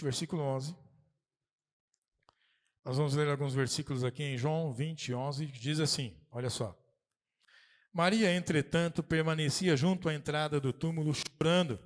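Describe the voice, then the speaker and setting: A pastor preaching a lively sermon, acting out little dialogues as he goes. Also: fairly high pitch, normal speed, long pauses. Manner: animated preaching with acted-out quotes. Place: church sanctuary. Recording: long church reverb.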